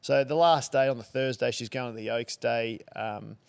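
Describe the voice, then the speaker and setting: A man's voice: medium pitch, moderate pace, gravelly, clear, resonant tone. A middle-aged Australian man, a hairdresser guest on a podcast, telling a casual story with swearing and laughs. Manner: lively anecdotes with swearing and laughs. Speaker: guest, hairdresser and salon owner.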